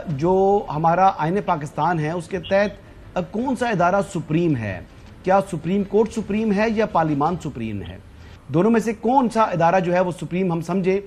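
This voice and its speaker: A man's voice: high voice, a little mellow, husky. A man on a television panel asking the guest long questions with many hesitations. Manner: hesitant, filler-heavy questioning. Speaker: panel analyst. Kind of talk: TV current affairs discussion.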